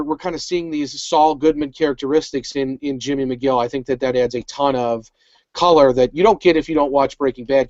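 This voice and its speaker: A man's voice: mid-range voice, a little mellow, no room sound. A man co-hosting a casual recap podcast, talking in a rambling, upbeat way full of restarts. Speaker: podcast co-host. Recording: dull, dry home recording.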